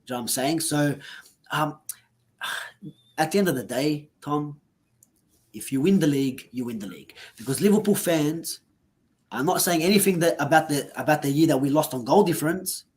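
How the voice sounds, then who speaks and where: A man from Australia co-hosting a casual football podcast, animated and mocking rival fans, laughing often. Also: on the high side, normal speed, long pauses. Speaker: podcast co-host.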